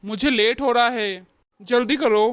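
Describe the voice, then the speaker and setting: A woman's voice: fairly high pitch, unhurried, highs cut off, over music, pitched below the performer's own voice, close to an everyday voice. A woman voicing an impatient middle-aged husband and father-in-law in a cartoon, speaking in curt requests.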